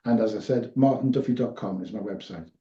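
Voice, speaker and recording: A man's voice: fairly low pitch, brisk, mellow. A man who works as a magician, chatting casually as a guest on a show. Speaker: guest performer, wedding and prom magician. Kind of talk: casual chat. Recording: roomy, dull lo-fi call audio.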